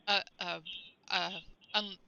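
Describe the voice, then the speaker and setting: A woman playing in a tabletop game, playful and quick to laugh. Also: medium pitch, level tone, creaky, bright, forceful tone, clean tone, no room sound, highs cut off. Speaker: player.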